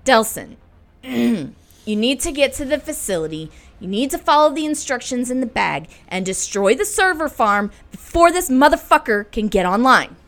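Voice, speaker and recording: Casting: actress for a hard-bitten female survivor boss in audio drama, sharp higher voice, forceful and sardonic. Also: sing-song, normal speed. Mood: urgent, commanding. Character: tough, commanding, foul-mouthed female survivor leader.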